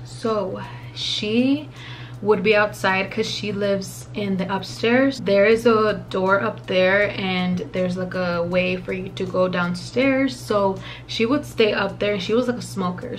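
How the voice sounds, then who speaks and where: A young woman in her twenties, a vlogger, tells her camera a story in a casual, chatty, rambling way full of asides. She swears, leans on plenty of fillers and slips in occasional Spanish phrases. Her medium-pitched voice is a little raspy from a dry mouth.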